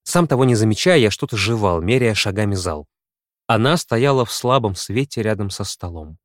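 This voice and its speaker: Low voiced man reading a story, slow and brooding, super dry close mic. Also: no room sound. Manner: measured, brooding first-person reading. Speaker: narrator. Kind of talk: scripted audiobook narration.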